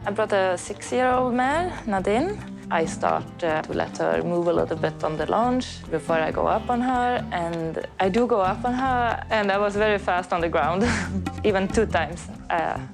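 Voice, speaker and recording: A woman's voice: medium pitch, animated, moderate pace, creaky, music in the background. A woman from Sweden, a show jumping rider, introducing herself with some hesitation. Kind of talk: interview introduction.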